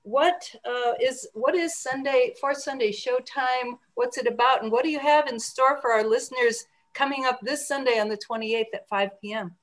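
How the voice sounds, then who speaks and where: A woman's voice: sits high, normal speed, hardly any pauses. A woman hosting a conversational radio interview over a group call, speaking in an encouraging, appreciative way. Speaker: radio station host interviewing programmers. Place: remote group video call.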